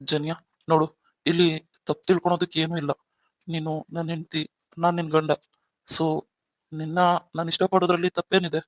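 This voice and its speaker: A man's voice: fairly high pitch, little pitch movement, brisk, long pauses, no echo, close to an everyday voice. A man voicing a remorseful young husband in a cartoon story, coaxing and pleading with his wife. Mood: earnest.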